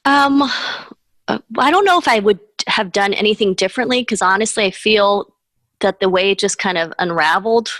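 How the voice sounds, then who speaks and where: A mortgage professional whose first language was Spanish chats as a guest in a conversational interview. She's upbeat and laughs between points. Her medium-pitched voice is fairly bright, her speed normal, and there's no room sound.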